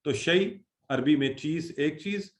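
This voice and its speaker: A man's voice: on the high side, noisy background. Echoey man teaching an online class. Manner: explains Arabic words with Urdu examples, asks the class questions. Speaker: Quran teacher.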